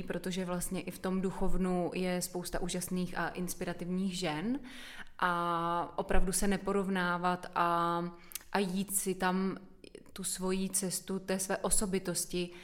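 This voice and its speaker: Earnest woman with an even, flat voice. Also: fairly low pitch. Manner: earnest, probing, long winding questions. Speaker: interviewer, host. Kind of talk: reflective conversation.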